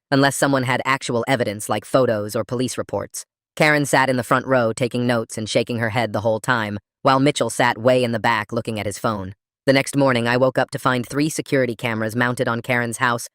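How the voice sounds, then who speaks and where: Male storyteller, mid-range voice, steady scripted narration, dry studio sound. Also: medium pitch, no echo.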